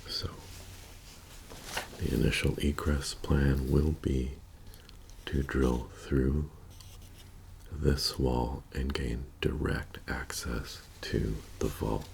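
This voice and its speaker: A man in an ASMR role-play as a methodical bank heist planner, speaking in a soft-spoken, halting and matter-of-fact murmur. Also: extremely low pitch, creaky, a little hiss or hum, full character voice. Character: methodical male bank heist crew planner briefing his team.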